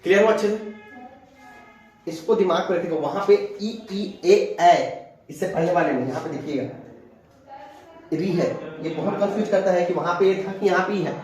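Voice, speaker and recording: A man's voice: high voice, a little mellow. Male teacher dictating in a very echoey room. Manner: repeats and dictates slowly for note-taking. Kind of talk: classroom lecture dictating notes. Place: classroom.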